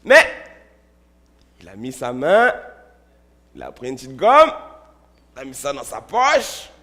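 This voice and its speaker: A man, a pastor, preaching a sermon in a church, telling stories, repeating words and shifting between loud and hushed delivery. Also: mid-range voice, wildly swooping pitch, slow pace.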